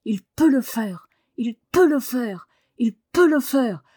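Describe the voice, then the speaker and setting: A woman's voice: on the high side, expressive, slow pace, dark tone, husky, dry recording, full character voice. A fierce, loyal young girl speaks with hot indignation, as a woman reading the storybook puts her on. The sound is close and dry. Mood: urgent.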